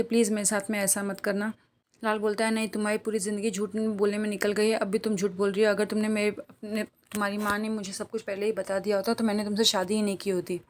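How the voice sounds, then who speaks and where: A woman narrating a TV serial episode recap, retelling the scenes briskly and reading the characters' quoted lines in her own plain voice. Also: mid-range voice. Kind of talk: rapid plot-recap narration.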